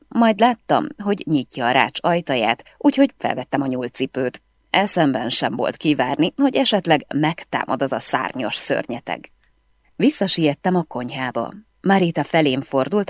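Female audiobook reader, low and lively delivery, dry studio sound. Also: dry recording. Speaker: audiobook narrator. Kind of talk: scripted first-person audiobook narration.

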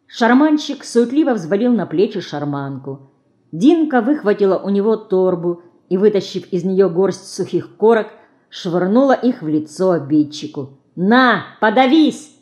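A woman with a medium-pitched voice narrates an audiobook. Her scripted narration follows an even, measured storytelling style.

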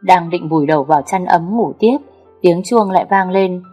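Low husky woman narrating a story. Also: moderate pace, dark tone, soft background music.

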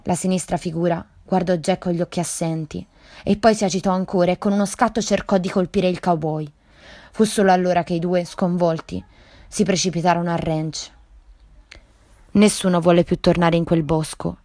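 A woman's voice: on the low side, steady tone, moderate pace, dark tone, dry recording, studio quality. Woman reading a story aloud. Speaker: reader.

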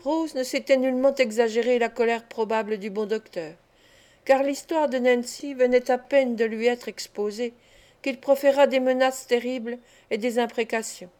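Narrating a classic novel for an audiobook, a woman reads with measured expression, her voice leaning somewhat high.

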